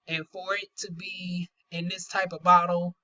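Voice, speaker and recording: Reviewing a product, this Southern aesthetician and beauty vlogger from North Carolina sounds bright and forward yet fairly low, with little pitch movement and an unhurried, measured delivery. Her Rs give her trouble, and her chatty, candid, folksy talk is sprinkled with slang and cheeky euphemisms. The recording comes across a little dull and lo-fi.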